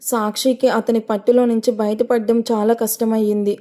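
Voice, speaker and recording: A woman's voice: on the high side, level tone, moderate pace, mellow. Woman narrating a dramatic audio story.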